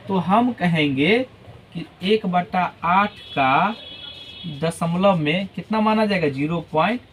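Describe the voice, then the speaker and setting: A man teaching a math lesson, explaining step by step, reading digits out slowly one at a time, and often checking that the class is following. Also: high voice, a bit bright, a little hiss or hum, poor audio.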